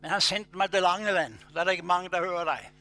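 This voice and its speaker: Bright high-voiced Danish preacher. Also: male voice, no echo. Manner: swings between loud emphatic bursts and low quiet asides, storytelling. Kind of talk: sermon.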